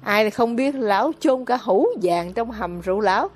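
A woman voicing a greedy, hot-tempered older village mother who scolds loudly and harshly in a storybook reading. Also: a little high, lively intonation, normal speed. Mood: scheming.

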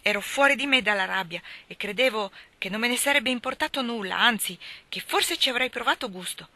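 A woman reads a remorseful boy in a classic storybook, earnest and emphatic. His voice sits a bit higher than her telling and sounds very bright. It is plain audiobook dialogue. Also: expressive, fairly quick. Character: boy who once struck his uncle, remorseful. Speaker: reader voicing a character.

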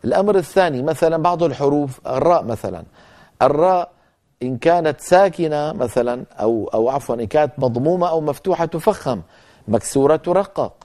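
A man teaching a tajweed lesson, explaining rules step by step and slowly chanting recited examples. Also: a little high, expressive, mellow.

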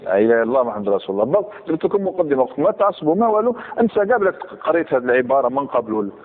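A man's voice: medium pitch, big pitch swings, rapid-fire. A man teaching grammar to a class, quizzing the students and repeating examples. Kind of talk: classroom lecture. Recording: tinny phone-like recording.

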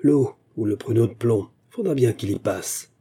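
A man's voice: mid-range voice, normal speed, husky. A man voicing a jealous, furious young customs guard who sneers and threatens in a read-aloud story. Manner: sneering, menacing, loud.

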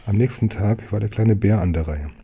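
Man reading a kids' story, calm and steady, deep dark husky voice. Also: a little fast. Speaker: storybook reader. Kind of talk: children's story read aloud.

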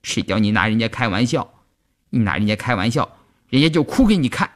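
A man voicing a playful teenage girl soldier who is quick to cry, in a high, childish, petulant voice. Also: animated, heavily acted. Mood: sulky.

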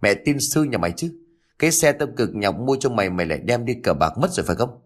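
A man voicing an angry older stepfather who scolds forcefully. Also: medium pitch, animated, fast, lightly acted. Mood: furious scolding.

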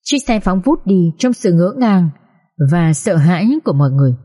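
A woman narrating a family drama audiobook in an expressive, emotional reading. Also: fairly low pitch, moderate pace, slightly rough.

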